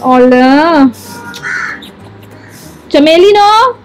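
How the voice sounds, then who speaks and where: Female vlog host, high-pitched, playful pet baby talk, music bed behind. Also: animated, drawn-out words. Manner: playful, coos and baby-talks to dogs. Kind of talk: casual vlog talk to camera and pets.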